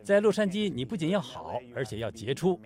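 A man's voice: on the high side, sing-song, fairly quick, crowd noise. A man giving an earnest first-person voice-over translation of an interviewee, recorded in a booth.

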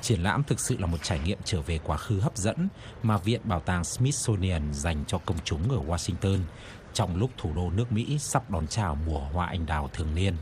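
A man narrating a broadcast news report in an even, formal way. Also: low-pitched, normal speed. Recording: street noise with passing vehicles.

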